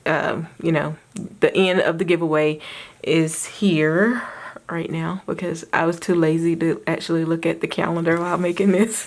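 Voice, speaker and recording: A woman with a Southern US accent, a craft vlogger chatting casually to her viewers, rambling and giggling with lots of fillers. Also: fairly low pitch. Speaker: craft YouTuber.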